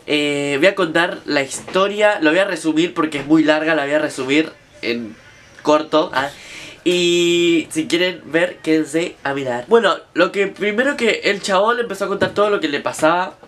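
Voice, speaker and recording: A man's voice: on the high side, normal speed, a bit bright. A young man with an Argentine accent, casually recounting a story to his viewers in a chatty, slangy way. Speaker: vlogger.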